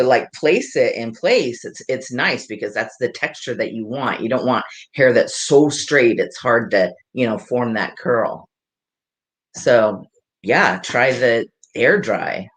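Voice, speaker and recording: A woman hairdresser giving a live hair tutorial, chatting and laughing with viewers in a rambling way. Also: rumbling low. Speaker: hairdresser and salon owner.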